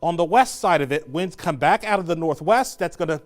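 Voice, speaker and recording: A man's voice: on the high side, expressive, a little fast. Breathless, chatty TV weatherman. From Southern Indiana. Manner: chatty, jokey, laughs between points. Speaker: TV meteorologist. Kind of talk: live weather forecast.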